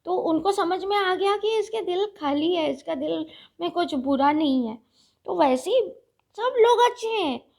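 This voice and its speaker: Woman vlogger, casual unscripted chat, high voice, slow and deliberate, lots of fillers. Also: animated, vocal fry, a little mellow. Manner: slow, deliberate talker with many fillers and restarts. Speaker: vlogger reviewing a reality show.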